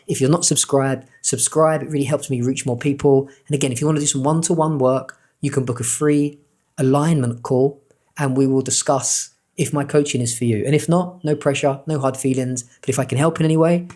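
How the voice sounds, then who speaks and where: A middle-aged man, a life coach, calmly guiding a breathing exercise with repeated, gentle instructions. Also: fairly high pitch, a little fast. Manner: calm, repetitive guiding instructions.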